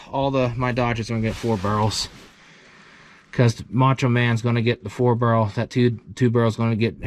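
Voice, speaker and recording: A man's voice: mid-range voice, slight background noise. A man hosting a casual vlog, rambling and thinking aloud about an old truck he found, with lots of fillers. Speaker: channel host.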